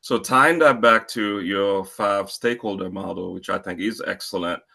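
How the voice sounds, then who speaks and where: A man's voice: fairly low pitch, moderate pace, vocal fry, sharp tone. A middle-aged man from Haiti, asking a panel speaker a long question in a conversational way, with many fillers and restarts. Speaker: audience member asking a question.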